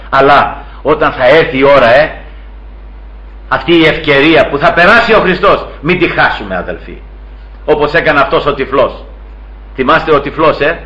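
A man preaching a sermon, telling stories with animated delivery, acting out voices and often calling out to his brothers. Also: on the high side. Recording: dull lo-fi recording.

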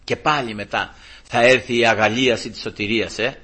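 A man preaching a sermon with passion, moving from hushed, tender passages to loud rhetorical questions and often calling his listeners brothers. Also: medium pitch, steady tone, slightly rough. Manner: repeatedly addresses listeners as brothers.

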